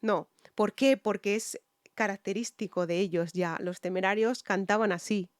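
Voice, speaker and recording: A woman's voice: medium pitch, steady tone, normal speed, no echo, studio quality. A woman from Spain with a Spanish accent, a singer giving casual reaction commentary on songs, chatty with many fillers and sung snatches of melody.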